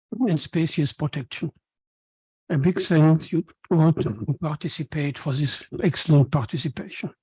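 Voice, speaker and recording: A man from Germany with a German accent, a native German speaker, giving a prepared welcome speech in a formal, halting, read-aloud manner. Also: on the high side, dark tone, slightly rough, dry recording, rough recording. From Cologne, Germany. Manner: halting, formal, reading from text. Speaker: event speaker, foundation co-founder.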